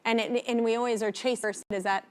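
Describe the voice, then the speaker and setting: A woman's voice: on the high side, fairly even intonation, fairly quick, smooth. A woman hosting an interview in casual chat, her words choppily spliced together by editing. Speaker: interview host.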